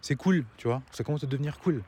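A man's voice: medium pitch, fast talker, warm tone, slight background noise. A man giving a casual opinion monologue to viewers as a vlogger, rambling and stammering, swallowing words as he walks outdoors. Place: outdoors, walking, nearing a road.

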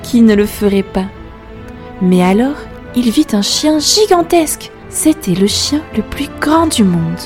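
A woman telling a fairy tale in calm, expressive scripted narration. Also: on the high side, measured pace, soft background music. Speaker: storyteller.

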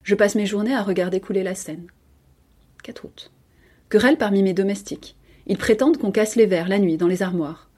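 Woman reader, measured literary narration, warm and breathy tone. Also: mid-range voice. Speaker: podcast reader. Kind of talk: literary audiobook reading.

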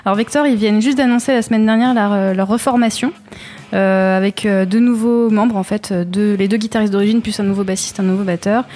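A woman's voice: medium pitch, fairly even intonation, fairly quick, mellow. A woman co-hosting a radio show, chatting casually about music and searching for her words. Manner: hesitant, word-searching. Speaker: radio co-host.

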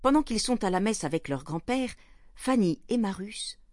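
A woman reading a Christmas children's story aloud in a clear, gentle, measured way. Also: mid-range voice, expressive, noisy background. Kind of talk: storybook narration read aloud.

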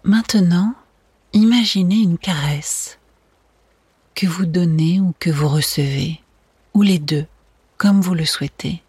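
Hushed and extremely breathy, this meditation guide's mid-range spa whisper unfolds very slowly and soothingly. The sound is close and dry, with no echo and almost no room around it.

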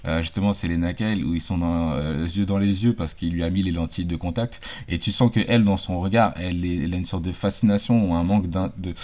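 A man's voice: low voice, fairly even intonation, fast, few pauses, a little mellow. A man in casual conversation about a film, talking with many fillers and restarts.

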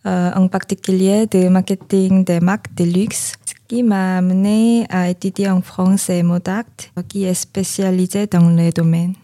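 Woman from South Korea, native Korean, in her thirties; mellow tone, careful, halting delivery. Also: on the low side, no echo, studio quality. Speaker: fashion marketing student. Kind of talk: spoken self-introduction.

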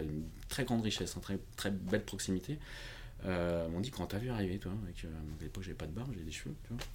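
A man with a low, darkish voice is a podcast guest and independent consultant, casually telling anecdotes and acting out quoted dialogue in an informal way. Background noise is clearly audible.

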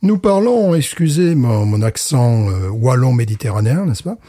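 A man's voice: medium pitch, sing-song, normal speed, background noise. A man co-hosting a casual beer podcast, joking and punning as he presents the beer. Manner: playful, punning, self-mocking.

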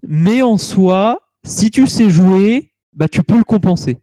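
Mellow, higher-voiced casual man. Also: slow, dry recording. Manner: relaxed, colloquial, with mild swearing. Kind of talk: casual chat.

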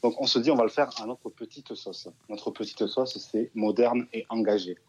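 A man's voice: medium pitch, moderate pace, a little mellow, slight background noise. A man in his thirties with a southern French accent, a wine merchant talking as a guest in a radio interview, chatty and hesitant. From southern France. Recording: dull lo-fi sound.

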